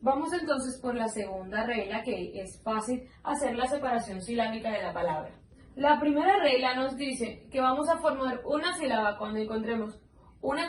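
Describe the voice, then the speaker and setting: A woman teacher giving a lesson. She is patient and sounds words out slowly, syllable by syllable. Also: a little high. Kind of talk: slow explanatory lesson. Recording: roomy echo, mic at a distance, faint background noise.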